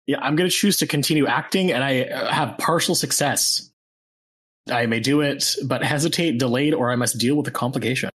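A man's voice: mid-range voice, fairly quick, a bit bright, slightly rough. Playful male tabletop player. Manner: playful, reading rules aloud, slangy. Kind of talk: casual tabletop play.

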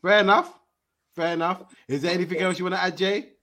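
A London man with a fairly high, bright, forceful voice hosts a casual football fan chat. He talks in slangy, matey banter and needles his guests like one of the lads. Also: steady tone, quick pace. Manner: slangy, matey, needling, calling people bro. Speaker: football fan talk show host.

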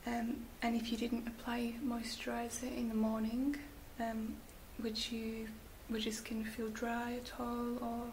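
A woman whispering gently as a spa beauty therapist in an ASMR roleplay, slow and soft with little fillers. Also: on the high side, monotone, poor audio. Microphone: close sensitive mic. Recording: hissy close mic.

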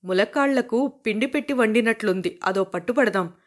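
A man's voice: sits high, brisk, close to an everyday voice. A woman reading the lines of a man who grumbles and jokes about his food. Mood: grumbling jokey. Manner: grumbling, wisecracking.

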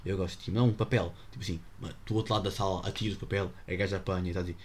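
Over slight background noise, a teen with a European Portuguese accent delivers a casual solo podcast in a low voice, speaking rapid-fire with fairly even intonation. He rambles playfully and mixes in English slang.

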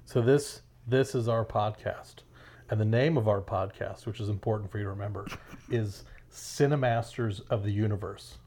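A man co-hosting a podcast, trading dry, deadpan jokes in casual banter. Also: fairly low pitch, normal speed, breathy edge. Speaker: podcast co-host.

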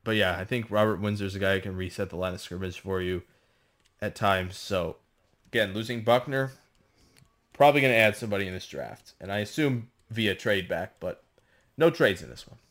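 A man's voice: on the low side, fairly quick, fairly bright tone. A man co-hosting a casual football mock draft chat, teasing and giving laid-back analysis.

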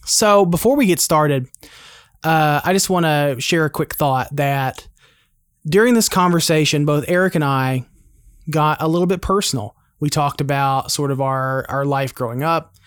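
A man's voice: fairly high pitch, normal speed, smooth, dry recording, clean studio sound. A man in his thirties hosting a podcast in a casual, conversational and earnest way. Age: 30s. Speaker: podcast host.

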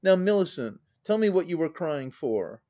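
Guy doing a loud drunk bully of a gentleman, barking orders, kinda high-pitched, muffled lo-fi sound. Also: sing-song, normal speed. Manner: loud, harsh, barking commands.

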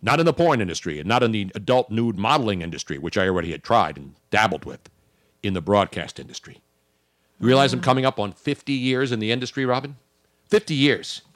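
A man's voice: fairly low pitch, expressive, quick pace, dry recording, studio quality. A man in his sixties or older hosting casual sports talk in a joking, emphatic way. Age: 60s or older. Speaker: talk show host.

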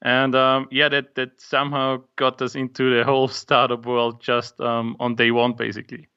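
This app maker, a young Austrian whose first language is German, joins a casual interview by remote call from his home office. His description is hesitant and peppered with ums, delivered in a monotone mid-range voice at normal speed that sounds sharp, clear and resonant. The sound is lo-fi.

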